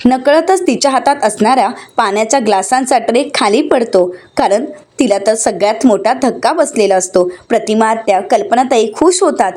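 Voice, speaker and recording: Woman narrating in steady higher voice. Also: normal speed, hardly any pauses. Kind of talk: scripted narration.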